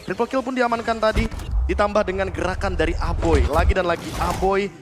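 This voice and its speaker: Fast, high-voiced Indonesian male esports analyst. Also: steady tone. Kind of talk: live match analysis. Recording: loud music behind. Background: loud music.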